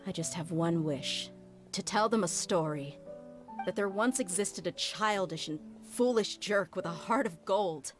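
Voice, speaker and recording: Actress as young female desert fighter, lowish voice, tough, frank, warm-hearted, game dialogue, music behind. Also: measured pace, close to an everyday voice. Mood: resolved. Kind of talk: video game dialogue acting.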